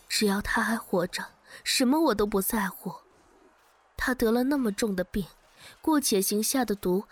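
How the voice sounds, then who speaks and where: A woman's voice: fairly high pitch, husky. Emotional woman reading an audiobook. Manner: emotional, breaking into tearful cries in quoted dialogue. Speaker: audiobook narrator. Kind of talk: scripted first-person narration.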